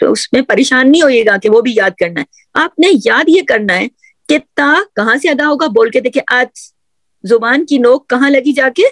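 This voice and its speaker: Woman recitation teacher, drills sounds, encouraging, dry recording, higher voice. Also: no room sound. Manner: repeats sounds for drilling, asks "theek hai?" often; gently encouraging, addresses female learners. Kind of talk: patient tajweed lesson on letter articulation.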